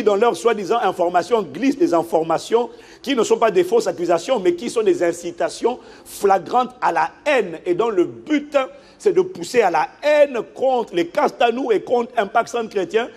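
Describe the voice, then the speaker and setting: Pastor preaching, highish voice, lively storyteller, acts out the people. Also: male voice. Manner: animated storytelling, acts out the people in his stories. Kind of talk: sermon.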